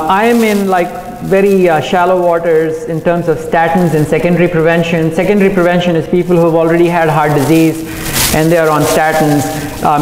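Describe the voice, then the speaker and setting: Middle-aged guy doin a medical conference talk, kinda high voice, big echoey hall. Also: darkish tone, slight background noise. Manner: earnest, speaks quickly with fillers and self-corrections. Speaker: cardiologist and conference speaker. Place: large hotel conference room. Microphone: podium microphone. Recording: echoey hall, recorded from afar.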